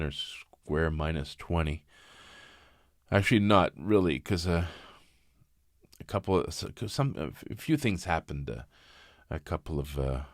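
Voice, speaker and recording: Brief: fifties man, deep voice, dry close sound, halting confessional vlogger. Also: no echo. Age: 50s. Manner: halting, reflective, frequent restarts. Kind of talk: candid personal vlog.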